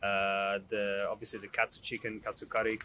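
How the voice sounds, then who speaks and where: A man's voice: lowish voice, completely flat delivery, bright, forceful tone, slight background noise. A man being interviewed on the street as a tourist, talking in a rambling way with restarts. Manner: fast, rambling, with restarts and fillers. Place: outdoors in a city street.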